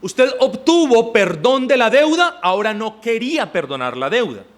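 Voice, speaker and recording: A man's voice: extremely high pitch, very animated, normal speed. A man preaching a sermon as pastor, talking emphatically and directly to his congregation. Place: church.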